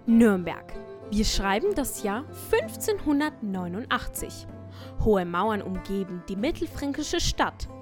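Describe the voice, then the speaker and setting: A woman's voice: medium pitch, very animated, measured pace. A woman narrating a children's story as a scripted audio tale. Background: faint music.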